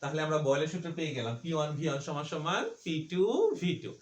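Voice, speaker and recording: A man's voice: on the high side, rapid-fire. A male physics teacher giving a classroom lecture, posing questions to students and answering them himself while repeating the key points. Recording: echoey room.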